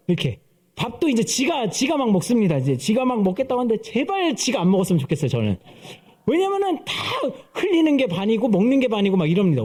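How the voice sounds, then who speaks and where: A pastor in his thirties preaches a sermon in a church sanctuary, his voice high-pitched with a dark tone. He tells stories and playfully imitates voices along the way.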